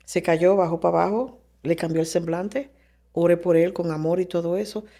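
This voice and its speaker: A woman's voice: lowish voice, normal speed. Fervent woman sharing a faith testimony. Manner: animated storytelling, acting out quoted voices; preacherly and fervent. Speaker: guest.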